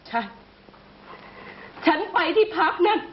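An actress playing a jealous young wife who has been drinking, sarcastic and accusing, with tearful outbursts. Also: female voice, takes it slowly, slight background noise, natural voice. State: tipsy from drinking. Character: jealous, tipsy young wife, bitter and wounded. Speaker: wife in a TV drama. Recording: dull lo-fi TV sound with music score.

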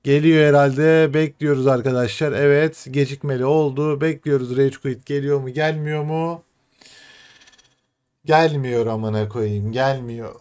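Excitable young man commentating his own game. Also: medium pitch, unhurried, clean tone. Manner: excitable, swears and shouts at the game. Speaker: gaming streamer. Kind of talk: live gameplay commentary.

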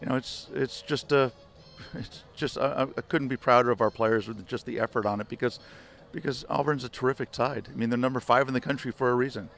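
Older male coach, even monotone delivery, rambling postgame answers into handheld mics outdoors. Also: mid-range voice, brisk, gravelly. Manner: rambling, many restarts and "you know" fillers. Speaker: head soccer coach. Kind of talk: postgame media interview. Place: outdoor stadium field at night. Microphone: handheld reporter mics held close.

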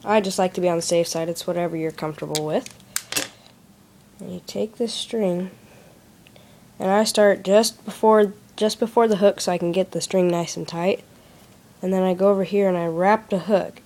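Recorded on a handheld phone at a desk in a small room, a craft demonstrator gives a casual how-to, explaining plainly step by step. Her voice is on the low side and dark, with fairly even intonation and a moderate pace, and there is slight background noise.

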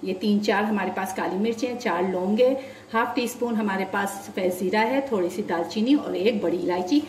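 Speaking briskly at a medium pitch, a woman runs a cooking channel from her home stove, carefully explaining each step and giving tips. Loud sizzling and frying dominate the background, picked up by a distant mic in an echoey kitchen.

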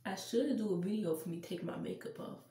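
This stuffy-nosed young woman has a mellow, mid-range voice and talks a little fast. She's doing a casual Halloween makeup vlog, chatting to viewers she addresses as y'all as she gets ready. The recording comes from a camera on a stand a few feet away in a small tiled bathroom, so it sounds distant and roomy.

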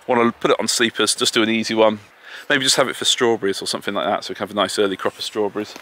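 An Englishman gives a casual, chatty walking tour of his homestead as a vlogger, outdoors among his garden and orchard, often poking fun at himself while tractors and farm vehicles rumble in the distance. His lowish voice is steady, bright and forceful, he talks very fast, and there's a little hiss or hum.

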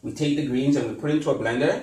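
Chef explaining in an echoey kitchen. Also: male voice, mid-range voice, fairly even intonation, very fast, a little mellow. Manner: explains steps with many fillers and restarts. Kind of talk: live cooking demonstration. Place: large open-plan kitchen with island. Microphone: far camera. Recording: echoey kitchen, camera mic from a distance.

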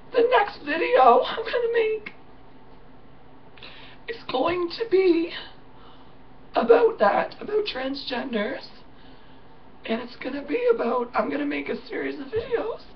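A hoarse woman talks slowly to the camera, her high, rough voice swinging widely in pitch. She sounds worn out and stops often with fillers and soft laughs. The sound is muffled and a little distant, with faint room noise. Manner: tired, halting, many fillers and soft laughs. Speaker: vlogger. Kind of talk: casual chat to camera. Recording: muffled, slightly distant home recording.

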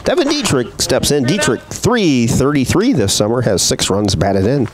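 Lively baseball play-by-play man. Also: medium pitch, moderate pace. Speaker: play-by-play announcer. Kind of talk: live baseball commentary.

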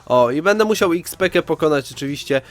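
Stuffed up from a cold, this man hosts a let's-play, chatting casually and speaking straight to his audience in a congested, nasal voice. He talks quickly, a little high in pitch, and sounds expressive.

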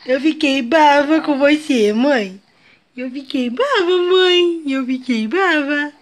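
A woman voicing a grumpy little girl who complains slowly after her bath. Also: high-pitched. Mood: sulky.

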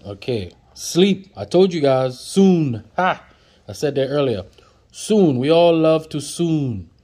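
Off camera at an indoor table, a man runs a casual flashcard lesson, teaching words, repeating each one and joking with viewers. His voice sits on the high side, slow, expressive and mellow.

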